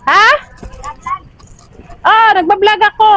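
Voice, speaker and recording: A woman's voice: extremely high pitch, slow, pushed and bright, slight background noise, low-quality recording. A woman from the Philippines walking outdoors by a river, chatting to viewers and exclaiming often into a handheld phone. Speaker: vlogger. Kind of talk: casual walking vlog.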